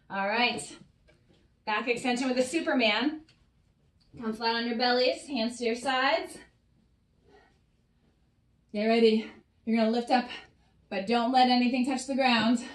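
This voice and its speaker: Breathy woman coaching a workout. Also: a little high, slow, long pauses, distant mic. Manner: encouraging, cueing breaths and reps. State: a little out of breath. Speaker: fitness coach. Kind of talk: workout instruction. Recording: roomy sound, voice off-mic.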